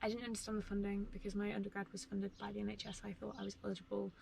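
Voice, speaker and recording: A woman's voice: mid-range voice, little pitch movement, very fast, vocal fry, a little mellow, a little hiss or hum. A woman in her twenties, a medical student vlogger, chatting casually and informally to camera in a self-deprecating way. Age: 20s. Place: inside a parked camper van.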